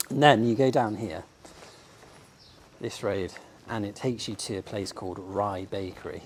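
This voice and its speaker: A fairly low-pitched English voice, a little slow and pausing often, belongs to a bookshop owner and vlogger who is slightly losing his voice. He films himself walking up a sunny outdoor shopping street with a handheld camera, chatting with enthusiasm and lots of ums for a casual walking-tour vlog. Faint street ambience and a little hiss or hum are audible.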